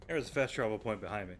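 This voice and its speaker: A man giving casual let's-play commentary, relaxed and thinking aloud, correcting himself as he goes. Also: fairly low pitch, a little hiss or hum. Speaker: gameplay streamer.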